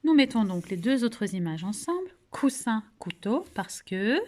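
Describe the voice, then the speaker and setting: Woman teacher with a French accent, a patient and slow speaker who articulates carefully for young pupils. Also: on the high side, very animated, a little mellow. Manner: slow, clearly articulated, patient, coaxing questions and praise. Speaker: kindergarten teacher. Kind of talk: remote phonics lesson for young children.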